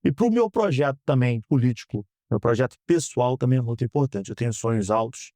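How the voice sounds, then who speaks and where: A Brazilian man in his thirties answering interview questions in an earnest, measured way, often ending phrases with a questioning tag. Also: mid-range voice, animated, warm tone, no room sound. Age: 30s. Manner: earnest, measured, frequent "né?" tags. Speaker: guest, politician. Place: podcast studio.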